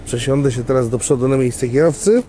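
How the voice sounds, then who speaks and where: A man presenting a used car to viewers in a chatty salesman manner, recorded on a camera outdoors on a windy gravel lot. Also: medium pitch, fairly quick. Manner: chatty salesman, upbeat, addresses viewers directly. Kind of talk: casual walkaround car presentation. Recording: outdoor camera audio with wind noise.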